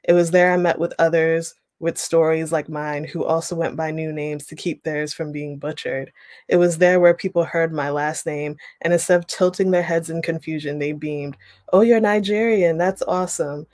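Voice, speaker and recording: A young woman with a low voice leads a writing workshop online, reading a passage and then unpacking it with relaxed pauses. Though recorded through a webcam on a video call, the sound is echo-free and studio quality.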